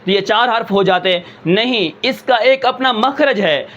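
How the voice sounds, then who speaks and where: A man's voice: high voice, a bit bright. A man teaching a tajweed pronunciation lesson as a Quran recitation teacher. He explains patiently, asks himself questions and checks in with "okay". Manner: slows and draws out words to demonstrate sounds. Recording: dull, slightly lo-fi sound.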